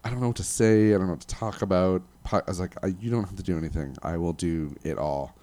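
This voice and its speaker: A man's voice: deep voice, steady tone, quick pace, mellow. A man in his late twenties hosting a casual podcast, bantering and joking with a co-host. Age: 20s. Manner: joking, laid-back banter.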